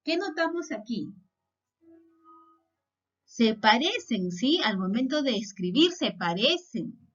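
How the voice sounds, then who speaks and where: A woman's voice: fairly high pitch, a bit bright. A woman teacher with a Peruvian accent, giving a patient classroom lesson and often checking in with short questions. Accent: Peruvian Spanish. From Peru. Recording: dull lo-fi sound.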